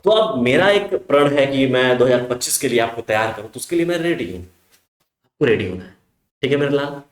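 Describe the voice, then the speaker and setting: A male chemistry teacher giving an online lecture, his pitch leaping up and down as he fires questions at the class and then answers them himself. He calls his students by pet names. The room is echoey. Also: animated, a little fast.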